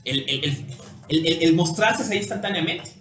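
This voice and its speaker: Man, Mexican accent, lively lecturer, tag questions, faint background hiss. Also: a little high, normal speed. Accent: Mexican Spanish. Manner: animated, ends phrases with tag questions. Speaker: philosophy teacher. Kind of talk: university lecture. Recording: echoey room with faint noise.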